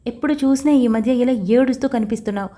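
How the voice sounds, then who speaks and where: A woman's voice: a little high, fast, warm tone, lightly acted. A woman reading the lines of a stern, blunt young husband in an audio story, demanding answers directly.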